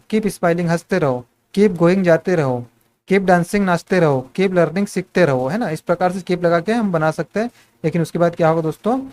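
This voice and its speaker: A man's voice: on the high side, a little mellow. A man teaching spoken English in Hindi, asking the same questions again and again and calling his viewers friends.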